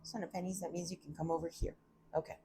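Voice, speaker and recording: A woman's voice: on the low side, little pitch movement, fast, gravelly, background noise. A woman giving a casual, chatty tarot reading from a room at home, thinking aloud and often laughing at herself. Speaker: tarot reader.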